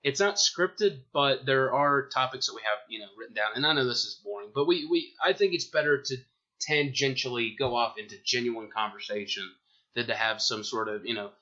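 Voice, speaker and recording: A man's voice: mid-range voice, fairly quick, bright, forceful tone. Profane rambling young Southern guy. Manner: rambling, profane, restarts a lot. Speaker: podcast co-host. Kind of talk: casual chat. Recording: dull lo-fi podcast audio.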